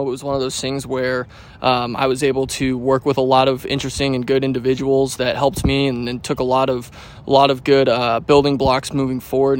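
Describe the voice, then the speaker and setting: Before the game, a young American pitcher in his twenties responds to interview questions casually, wandering off track and often restarting, with plenty of filler words.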